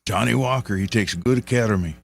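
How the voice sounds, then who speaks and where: A man's voice: on the low side, brisk, vocal fry. A man in the room with the host, chiming in with jokes and asides. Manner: wisecracking, chimes in with jokes. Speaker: friend in the room.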